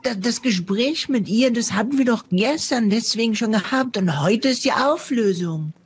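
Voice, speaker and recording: A woman's voice: on the high side, animated, moderate pace, a little hiss or hum. A woman doing in-character roleplay, flustered and stammering as she explains herself.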